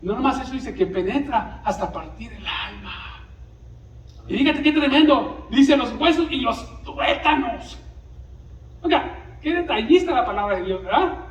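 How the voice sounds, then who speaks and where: A man's voice: very high-pitched, expressive, unhurried, a little hiss or hum. A man preaching a sermon and tossing frequent questions to the congregation. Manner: preaches with call-and-response asides. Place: church sanctuary. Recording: echoey distant church recording.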